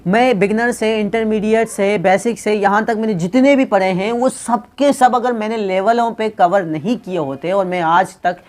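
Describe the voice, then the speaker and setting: A man's voice: high voice, moderate pace, hardly any pauses. A man teaching English pronunciation in a casual video lesson, joking and teasing his viewers as he explains, and dropping English phrases into his talk.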